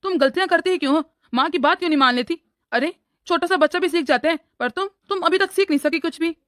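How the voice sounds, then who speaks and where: A woman's voice: very high voice, fast talker, fairly bright tone, no echo, studio quality. A woman voicing a weak, lecturing young husband. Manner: lecturing, placating. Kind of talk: cartoon story voice acting.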